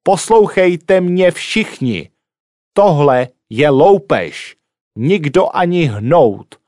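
A hot-headed, bumbling robber who shouts his demands in a raised, jumpy voice, as a male narrator puts him on. The storybook read is close and dry. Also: a little high, sing-song, no echo. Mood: demanding. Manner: loud, barking orders. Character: impatient clumsy male bank robber.

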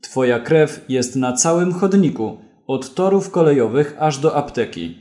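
A man's voice: on the high side, sing-song, a little slow, warm tone, roomy sound. A man voicing an armed man who makes cold, mocking threats. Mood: threatening.

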